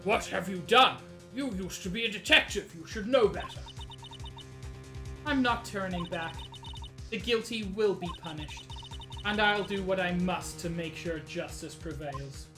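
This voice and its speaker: A woman's voice: on the low side, a little slow, music in the background, close to an everyday voice. A woman voicing a defiant, self-righteous woman witness in a menacing, dramatic manner from a video game.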